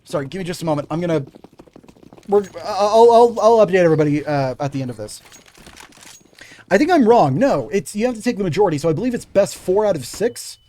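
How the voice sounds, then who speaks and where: A man's voice: high-pitched, expressive, a little fast, mellow. A young man calling a live video game match play by play, breaking off to chat with viewers. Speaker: game commentator and streamer.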